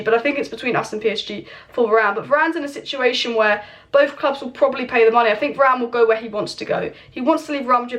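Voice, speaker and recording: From her home, with kitchen clatter nearby, a young woman hosts a casual football transfer news update for her football channel, chatty and opinionated as she addresses viewers directly. Her voice is high and a bit bright but going hoarse, picked up on a camera mic.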